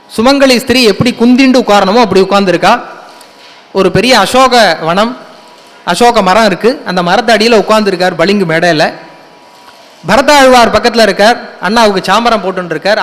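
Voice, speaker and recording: High-voiced man giving a devotional discourse. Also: a bit bright, big-room sound, rough recording. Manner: acts out dialogue, breaks into sung lines. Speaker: religious discourse speaker.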